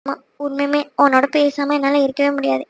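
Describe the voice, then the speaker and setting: A woman voicing a possessive, jealous young wife in a cartoon, talking in a quick, scolding, emotional way. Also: sits high, monotone, gravelly, dry recording. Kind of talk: cartoon voice acting.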